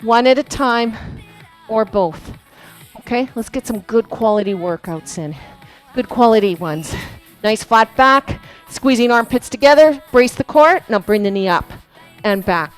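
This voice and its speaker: A woman fitness instructor coaching a core workout, slightly high-voiced, unhurried and chatty. She encourages the class and demonstrates each move as she talks. Light music plays in the background. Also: expressive, low-quality recording. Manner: encouraging, chatty, laughs often; demonstrating moves while talking. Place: fitness studio.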